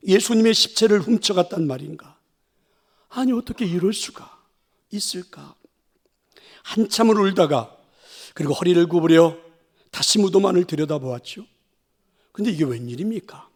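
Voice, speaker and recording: A male pastor retelling a scripture story in a sermon, dramatic and often dropping to a hush. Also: fairly high pitch. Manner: dramatic, dropping to hushed whispers.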